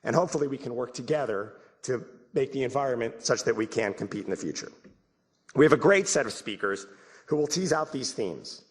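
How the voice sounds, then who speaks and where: An American man delivers prepared opening remarks as the host of a conference. His voice is husky, as he is getting over the flu. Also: mid-range voice, lively intonation, fairly quick. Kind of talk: prepared welcome speech.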